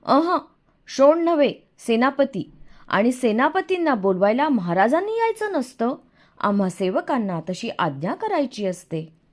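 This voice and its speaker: A woman's voice: on the high side, sing-song, measured pace, darkish tone, voice pushed up. A woman voicing a mischievous boy who teasingly plays a servant in a children's game from a storybook. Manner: playful, teasing.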